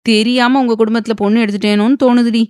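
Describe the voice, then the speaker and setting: A woman's voice: fairly high pitch, flat delivery, fast talker, darkish tone, dry recording, studio quality, pitched above the performer's own voice, natural voice. A woman voicing an irritable young husband who scolds and mocks his wife. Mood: irritated. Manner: grumbling, scolding, mocking.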